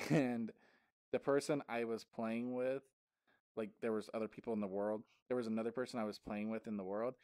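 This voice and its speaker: A man's voice: on the low side, fairly even intonation, fairly quick, darkish tone, no room sound, clean studio sound. A man casually rambling through gaming stories, often laughing mid-sentence. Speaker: gaming vlogger.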